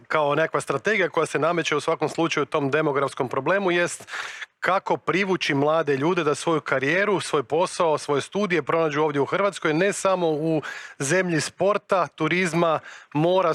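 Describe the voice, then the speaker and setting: A middle-aged Croatian man moderating a live panel on an event stage, chatty and quick, with false starts. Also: on the high side, fairly bright tone, no room sound, studio quality.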